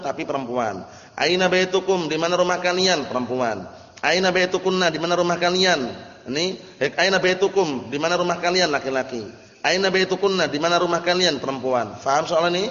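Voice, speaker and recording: A man's voice: a little high, fairly bright tone. A male Arabic teacher with an Indonesian accent, running a classroom lesson and drilling his students with repeated questions. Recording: roomy muffled hall recording.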